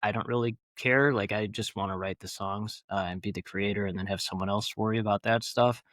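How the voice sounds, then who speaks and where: A man's voice: fairly low pitch, steady tone, brisk, a bit bright, no room sound, studio quality. A man talking as a podcast guest, rambling and enthusiastic, with many fillers and restarts. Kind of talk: casual interview talk.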